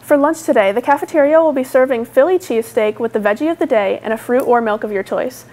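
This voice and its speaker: A high-voiced teenage young woman with an American accent anchors student news. She reads scripted school announcements into a lapel mic. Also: fast talker, a little mellow. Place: indoor school studio before a curtain.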